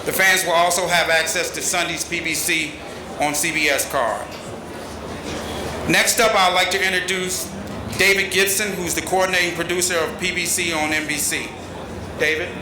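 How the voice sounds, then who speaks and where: A middle-aged man serves as emcee at a press conference, reading scripted announcements at a podium on a large arena stage. His voice sits high, with fairly even intonation and a normal speed, and his delivery is formal and scripted. Picked up by a podium microphone, the recording sounds echoey, like a hall, with some noise.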